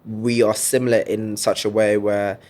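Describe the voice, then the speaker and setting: A man's voice: lowish voice, flat delivery, moderate pace, a little mellow. A man, hosting a podcast and telling stories in a laid-back, slangy way. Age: 20s. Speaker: podcast host. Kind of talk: casual chat.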